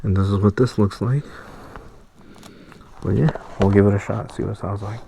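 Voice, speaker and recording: A man vlogging casually from inside a closed motorcycle helmet, his voice muffled as he quietly tests a clip-on mic. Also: fairly low pitch, steady tone, vocal fry, background noise. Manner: quiet, halting, thinking aloud. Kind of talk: casual demo chat. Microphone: small clip-on mic inside the helmet. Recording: roomy echo.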